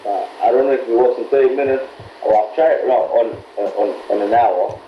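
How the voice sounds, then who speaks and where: A man co-hosting a podcast who talks in a halting way and repeats words. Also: medium pitch, highs cut off, a little hiss or hum. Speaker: podcast co-host. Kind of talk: casual group chat.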